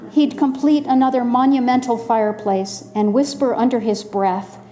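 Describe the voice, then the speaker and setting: A woman in her sixties from the Los Angeles area, telling a personal story in a measured, dryly humorous way. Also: on the high side, fairly even intonation, mellow. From Los Angeles area, USA.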